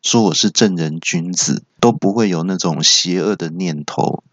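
A man from Taiwan, hosting a comedy podcast and telling self-mocking stories in a deadpan way. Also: sits low, normal speed, dry recording, muffled recording. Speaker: podcast host. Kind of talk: comedy monologue.

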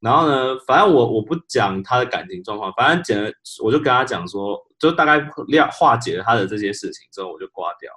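Lowish-voiced man telling work stories. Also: fairly quick, few pauses. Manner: animated, laughs often, mixes English words into speech. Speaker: podcast co-host. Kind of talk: casual storytelling chat.

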